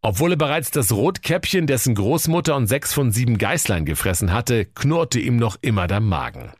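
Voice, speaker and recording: Animated man reading a comic story. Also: mid-range voice, normal speed, dry recording, clean studio sound. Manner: animated, playful narration.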